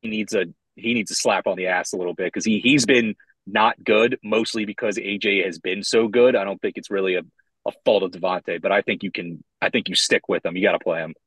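A low-pitched man calls in over a phone line, his voice dry and close with no room around it. He rambles loosely and swears casually as a podcast co-host, speaking from inside a parked car. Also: fairly even intonation, a little fast, fairly bright tone, husky, no echo. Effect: talking over a phone line. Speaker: co-host of a sports betting podcast. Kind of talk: casual chat.

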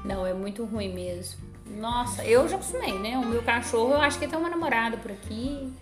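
A woman with a Brazilian accent, co-hosting a casual chat, talkative and quick to share her own stories. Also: fairly high pitch, lively intonation, roomy sound, over music. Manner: chatty, talkative.

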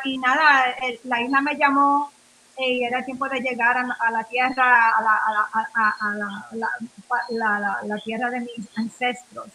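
Her voice is high and sharp, captured on a rough recording. Born in New York to a Puerto Rican family, this Nuyorican guest on a radio interview rambles through her story in Spanish dotted with English, filler words and false starts, all in a casual interview tone.

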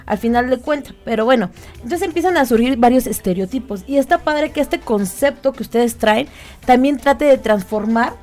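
A woman's voice: sits high, animated, normal speed, darkish tone, faint music behind. A woman hosting a radio interview, chatty and full of fillers and restarts. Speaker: radio show host. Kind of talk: casual interview chat.

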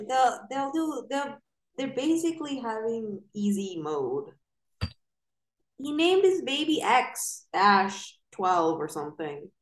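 A woman with a fairly high voice talks as a podcast co-host. She is informal and slangy, freely giving her opinions in loose, casual chat.

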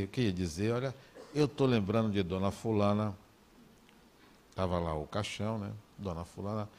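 Lively Brazilian man telling stories. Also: on the low side, a little hiss or hum. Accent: Brazilian Portuguese. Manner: animated, conversational, acts out dialogue. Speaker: speaker giving a talk. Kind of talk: anecdotal storytelling talk.

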